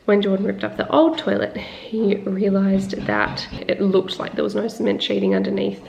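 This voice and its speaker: Holding the camera at arm's length, this young Australian vlogger chats and laughs her way through a filler-heavy casual talk in a bathroom that's being renovated, her nose stuffed and snuffly. She speaks at a moderate pace in a creaky, medium-pitched voice with little pitch movement, and there's noise behind her.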